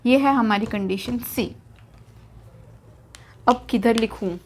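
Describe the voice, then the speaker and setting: High-voiced woman teaching biology. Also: slow pace, slight background noise. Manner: chatty, repeats key terms, asks and answers herself. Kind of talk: whiteboard lesson in Hindi.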